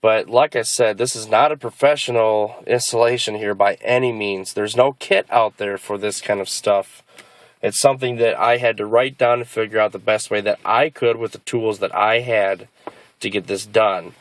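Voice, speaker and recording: A car hobbyist presents a DIY install in a casual, unscripted video walkthrough, explaining things in a hesitant, rambling way. His voice is lowish and steady at a moderate pace, with no room sound.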